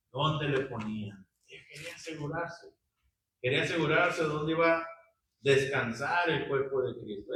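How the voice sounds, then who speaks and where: A man's voice: on the high side, bright, forceful tone, slight background noise. A man teaching a Bible study, reading scripture aloud and asking his listeners questions, with frequent tag questions. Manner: conversational, asks the group questions, frequent tag questions. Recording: echoey room, voice from a distance.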